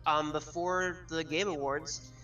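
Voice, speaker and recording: A man's voice: fairly high pitch, fairly even intonation, slow, bright, forceful tone, muffled recording. A man as a guest on a casual gaming chat, explaining his theories step by step in detail. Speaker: guest with leak source. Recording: far from mic, faint music.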